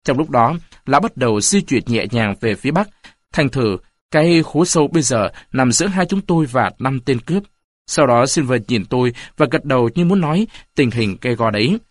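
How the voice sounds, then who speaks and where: A man narrating a story aloud in an expressive reading style. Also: medium pitch, fairly quick, no room sound, studio quality. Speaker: audiobook narrator.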